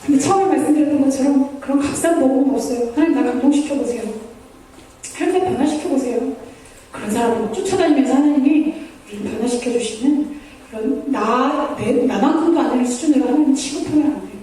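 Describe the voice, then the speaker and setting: A woman's voice: high-pitched, fast, hardly any pauses, warm tone. A woman missionary preaching a sermon, earnest and pleading, acting out prayers in the first person. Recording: echoey hall from far off.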